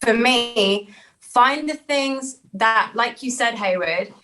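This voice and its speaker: A woman in her thirties speaks slowly, in a fairly high voice, as a guest on a podcast for a candid personal interview. She's earnest and reflective and repeats phrases for emphasis.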